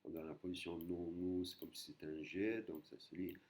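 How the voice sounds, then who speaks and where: A man's voice: low-pitched, steady tone, normal speed, a little mellow. A man teaching an online language lesson, patiently repeating and breaking words into syllables.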